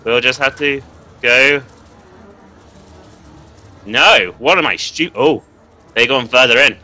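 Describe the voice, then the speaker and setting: A man's voice: medium pitch, takes it slowly, bright, forceful tone. A young man, nervously commenting and swearing while playing a horror game for viewers. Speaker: gaming video host.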